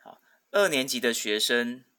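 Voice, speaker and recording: A man's voice: medium pitch, lively intonation, a little slow, bright, forceful tone, smooth. A man teaching vocabulary in a podcast lesson. He speaks patiently, says each word twice and often starts sentences with a filler. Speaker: Japanese language teacher.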